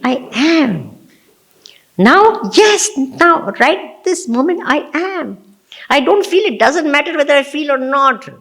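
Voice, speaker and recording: Animated woman spiritual teacher. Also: sits high. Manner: animated and exclamatory, switching between English and Hindi. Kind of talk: spiritual discourse to an audience.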